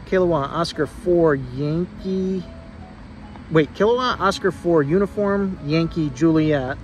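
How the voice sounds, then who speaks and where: Ham radio guy, voice a bit high, reading out call signs and saying numbers twice. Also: unhurried, faint music behind. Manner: repeats phrases and spells with phonetic alphabet. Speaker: amateur radio operator. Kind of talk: amateur radio contact calling. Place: outdoor park radio activation.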